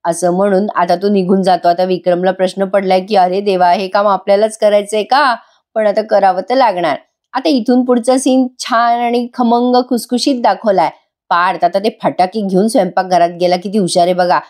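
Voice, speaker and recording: A woman's voice: mid-range voice, steady tone, normal speed, darkish tone. A woman narrating a voice-over recap of a TV serial, chatty and speaking straight to her viewers. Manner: chatty, addresses viewers directly. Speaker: TV serial reviewer.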